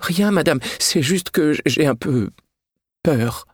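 A man's voice: animated, normal speed, slightly rough, no room sound, studio quality. A man reading a storybook, voicing a frightened young servant girl in a raised, pleading voice. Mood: fearful. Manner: pleading, high and trembling.

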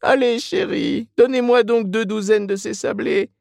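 A man's voice: very high voice, unhurried, gravelly, darkish tone, dry recording, voice pushed up, full character voice. A man doing a plaintive, gossipy mother. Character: weary, gossipy middle-aged mother, complaining.

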